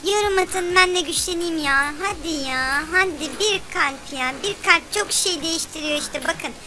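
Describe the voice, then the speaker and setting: High-voiced whiny woman gaming. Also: moderate pace. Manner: whiny, complaining, excitable. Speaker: gameplay commentator. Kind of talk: playful let's-play commentary for kids.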